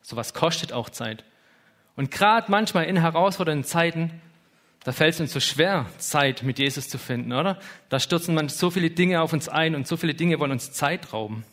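Man, 30s, slightly high voice, casual, emotional sermon delivery. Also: expressive, normal speed, a bit bright. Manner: informal, emotional, with lots of "hey" and "ja". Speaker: preacher.

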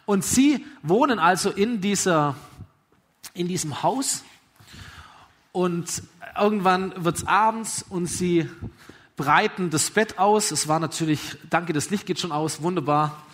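A preacher giving a sermon live before a congregation, retelling a parable in a conversational storytelling way that asks the audience along. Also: male voice, on the high side, a bit bright.

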